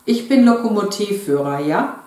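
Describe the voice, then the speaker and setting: A woman's voice: medium pitch, animated, normal speed, a little mellow, lightly acted. A woman voicing an eager middle-aged husband who wants to play train driver, read in a very echoey room. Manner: eager, playful.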